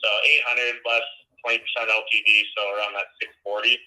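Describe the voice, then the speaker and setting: Man, over a phone speaker, bright forceful tone, casual and matter-of-fact, lots of fillers. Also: medium pitch, brisk, poor audio. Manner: relaxed and matter-of-fact, with frequent fillers and restarts. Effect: heard over a phone speaker. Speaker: real estate investor on a call.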